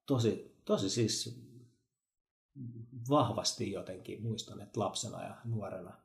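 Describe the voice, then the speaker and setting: Podcast co-host: man from Helsinki, reflective and quiet, lowish voice, echoey room. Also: vocal fry. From Helsinki, Finland. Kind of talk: casual chat.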